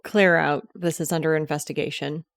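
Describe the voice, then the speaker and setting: A woman's voice: sits low, fairly even intonation, normal speed, creaky, no room sound, studio quality. A woman role-playing a tough, commanding investigator in an authoritative, clipped cop voice for a tabletop game. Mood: stern, commanding.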